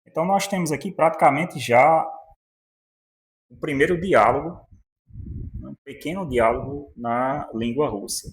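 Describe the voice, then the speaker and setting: A man whose first language is Portuguese, teaching the Russian alphabet and pronunciation in a patient, step-by-step way. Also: on the high side. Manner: slow and patient, with frequent "né?" checks. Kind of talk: explaining Russian letters and pronunciation.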